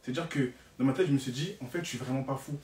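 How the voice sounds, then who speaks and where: A young man telling a story on a live stream in an animated, dramatic way, repeating phrases for emphasis. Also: medium pitch, racing. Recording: roomy, distant from the mic.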